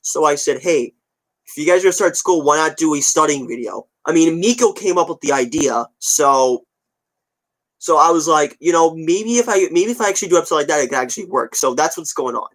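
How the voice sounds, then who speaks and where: A twenty-year-old man updates his audience and replies to comments, keeping things loose, rambling and repetitive. His voice is on the high side, expressive and fairly bright, and he talks fairly quickly. It's a rough recording.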